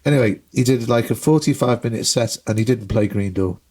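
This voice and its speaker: A husky-voiced British man spins comic stories in a relaxed podcast chat. He slips into shouted impressions of hecklers, and his speech is loose, with plenty of ums and restarts. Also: medium pitch, fairly quick. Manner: animated storyteller who mimics hecklers. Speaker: comedian guest. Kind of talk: casual chat, telling anecdotes.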